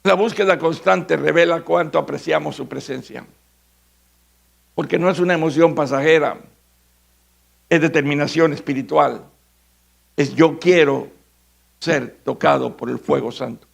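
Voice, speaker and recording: A pastor with a Mexican Spanish accent preaches a dramatic sermon, acting out the voices of biblical figures and shifting from shouting to hushed tones. His voice is fairly high with vocal fry, a little slow, and marked by long pauses.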